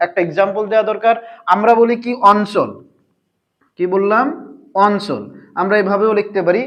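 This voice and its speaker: A man's voice: high-pitched, normal speed, a bit bright, highs cut off. A man teaching a language lesson, asking his viewers questions and answering them himself. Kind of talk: explanatory grammar lesson.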